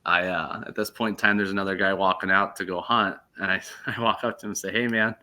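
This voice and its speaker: A man in his thirties casually telling a hunting story on a podcast, animated and laughing as he goes. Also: deep voice, fast. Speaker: podcast host.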